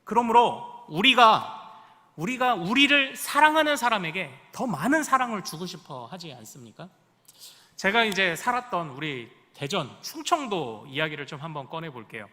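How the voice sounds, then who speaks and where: A man's voice: high voice, sing-song, moderate pace, bright, forceful tone, in a large hall. A male pastor preaching a sermon in a church sanctuary, with rising emphasis and questions put to the congregation. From Korea.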